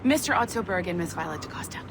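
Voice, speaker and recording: An actress playing a chipper, overachieving office boss in a video game. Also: female voice, lowish voice, expressive, fast talker, background noise, lightly acted. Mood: upbeat, managerial.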